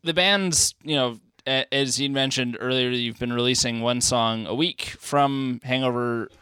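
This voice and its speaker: Smooth-voiced male interviewer. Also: mid-range voice, unhurried, no room sound, studio quality. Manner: relaxed, joking, asks long winding questions. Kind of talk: casual interview chat.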